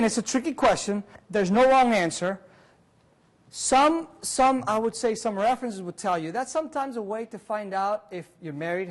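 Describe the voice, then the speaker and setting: In a large conference room, a high-voiced man in his forties delivers an animated, interactive career seminar, moving around and quizzing the audience. A distant camera and room mic capture him.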